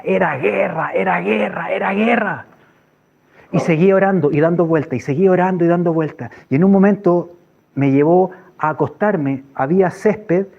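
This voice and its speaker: A man with a high voice preaches a testimony, acting it out with vivid storytelling and little sound effects. The recording is dull and lo-fi. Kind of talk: sermon testimony.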